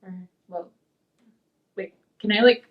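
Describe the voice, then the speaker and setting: Young woman interviewee, rambling and unsure, mid pitch, slightly off-mic in a dark studio. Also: takes it slowly, recorded from a distance, muffled recording. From Peru, raised in Sacramento. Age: young adult. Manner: rambling, hesitant, many fillers. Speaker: interviewee, community college student. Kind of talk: oral history interview.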